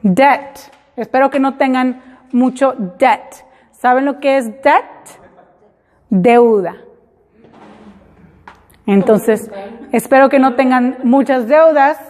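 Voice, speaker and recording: A woman teaching a class, explaining slowly and repeating example words in English. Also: sits high, a little mellow. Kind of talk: classroom lesson. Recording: hall reverb.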